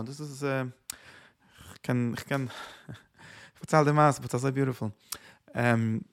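A man giving an informal religious teaching, halting and repeating himself, with English words mixed in. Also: mid-range voice, vocal fry.

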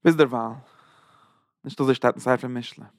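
A man's voice: mid-range voice, steady tone, normal speed, no echo, clean studio sound. A man giving a Torah sermon, chanting verses in a sing-song and repeating phrases for emphasis. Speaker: preacher giving a Torah talk.

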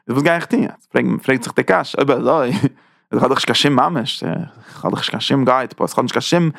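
A man giving an informal religious lesson, talking haltingly, restarting phrases as he searches for words and rising emphatically on key points. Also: medium pitch, expressive, creaky, fairly bright tone, no room sound, clean studio sound. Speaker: religious teacher. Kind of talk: informal spoken Torah lesson.

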